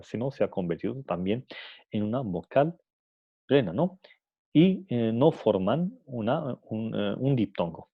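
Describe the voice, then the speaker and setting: A man's voice: on the low side, husky, no room sound. A man explaining a phonetic transcription as a student, hesitant, with many filler sounds and restarts, and often ending points with a questioning tag. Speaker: student presenting an assignment. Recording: dull lo-fi dry recording.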